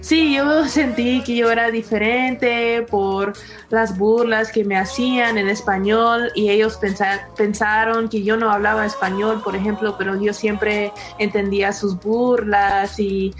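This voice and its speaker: A woman's voice: mid-range voice, steady tone, a little slow, soft background music. A young woman from California, a documentary filmmaker, giving a thoughtful personal testimony in an interview. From California, United States.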